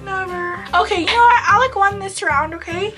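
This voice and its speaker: A young woman banters casually in a very high voice with a nasal, pinched-nose sound. She is exclamatory and playfully complaining. Music is clearly heard behind her. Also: moderate pace. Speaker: video co-host. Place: small furnished room indoors. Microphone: camera a short distance away.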